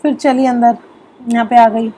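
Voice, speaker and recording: A woman's voice: fairly high pitch, little pitch movement, unhurried, dark tone. A young woman, a mother of two, narrating a casual family vlog in a chatty, homely way while getting over a sore throat. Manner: chatty, homely, full of fillers like "theek hai".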